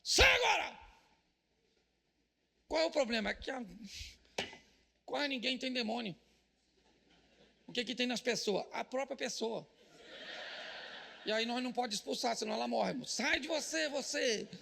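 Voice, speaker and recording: A Brazilian Portuguese-accented pastor preaching to a business crowd, loud and joking, slipping into mock prayers. His voice sits high for a man, with a heavy gravelly fry. The tone is bright and sharp. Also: normal speed, long pauses, big-room sound, slight background noise. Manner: joking and loud, mimics people praying. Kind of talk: comedic sermon. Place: stage at a business event.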